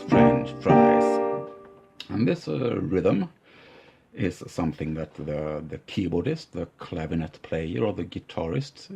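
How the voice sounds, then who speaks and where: A middle-aged man teaching piano, explaining calmly with hesitant "uh" pauses and loudly chanting rhythm words as he plays. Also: deep voice, creaky. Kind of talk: explanatory music lesson. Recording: dull lo-fi sound with loud piano. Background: piano playing.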